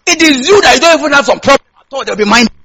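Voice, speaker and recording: An extremely high-pitched man delivers a sermon at a rapid-fire pace, animated, pushed and bright. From Kaduna State in northern Nigeria and speaking with a Hausa accent, he addresses his congregation conversationally, repeats phrases, and has listeners complete or confirm lines.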